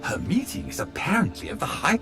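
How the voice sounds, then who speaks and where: A man's voice: high-pitched, very animated, a little fast, vocal fry, exaggerated voice. A man voicing a polite, fawning male butler robot who is formal and obsequious and calls his master sir, in video game dialogue. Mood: deferential. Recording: game audio with background music.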